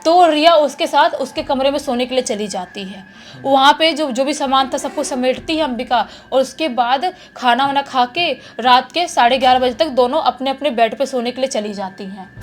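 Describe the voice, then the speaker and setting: A woman's voice: high voice, normal speed, soft background music. A woman telling a true horror story in a chatty, casual way, often repeating words for effect.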